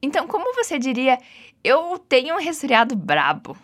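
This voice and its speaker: A woman's voice: high voice, wildly swooping pitch, normal speed, fairly bright tone. Patient Brazilian woman teaching English. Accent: Brazilian Portuguese. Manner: patient, encouraging, drills repeats. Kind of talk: guided language lesson.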